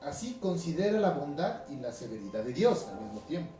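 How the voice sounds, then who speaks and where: Male Ecuadorian pastor, highland accent, conversational sermon, somewhat high voice, recorded off-mic in a reverberant hall. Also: very animated, a little fast, dark tone. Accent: Ecuadorian highland Spanish. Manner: conversational preaching, reading scripture aloud, frequent tag questions. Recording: echoey room from a distance, music behind.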